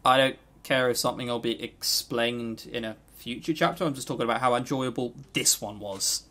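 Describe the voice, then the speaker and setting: This co-host has a medium-pitched, bright, forceful voice and speaks a little quickly. Chatting informally about games on a podcast, he shares strong opinions yet sounds hesitant as he gets them out.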